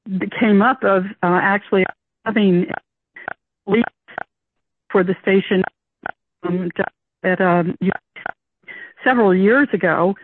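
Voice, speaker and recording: An older community caller giving public comment over a phone line that breaks up with clipping and tapping, speaking haltingly with many fillers. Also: medium pitch, a little hiss or hum. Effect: breaking-up phone connection with clipping and tapping. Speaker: community caller at a board meeting. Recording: tinny, dry phone line.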